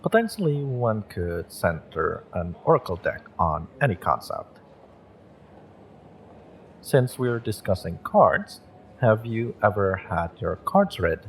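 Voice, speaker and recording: In a heavily acted roleplay monologue addressed to the listener, a man plays a gentle witch who runs a magick shop and reads tarot. His fairly low voice is sing-song and slow, polite and a little hesitant, with an inviting, courteous mood. A slight hiss or hum sits under the recording.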